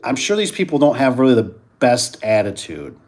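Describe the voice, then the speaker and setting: A man's voice: mid-range voice, very animated, normal speed, darkish tone. A man chatting casually as host of a live stream, rambling and repeating himself while reacting to viewers.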